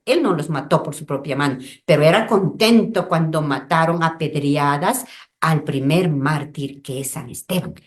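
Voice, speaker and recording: Ecuadorian woman, lowish voice, preachy radio catechism talk with sudden emphatic peaks. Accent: Ecuadorian Spanish. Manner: preachy, lively storytelling with sudden emphatic rises. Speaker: guest speaker, religious sister. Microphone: radio studio mic.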